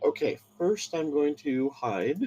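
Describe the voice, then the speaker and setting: A man calmly describing his turn in a tabletop game, matter-of-fact. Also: fairly high pitch, slow, muffled recording, faint music behind. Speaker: player. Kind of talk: casual game talk.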